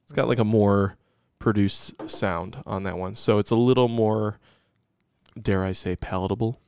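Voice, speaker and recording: A man co-hosting a music podcast, talking in a relaxed, rambling way that trails off. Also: lowish voice, moderate pace, clean tone, dry recording, studio quality. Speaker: podcast co-host. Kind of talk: casual chat.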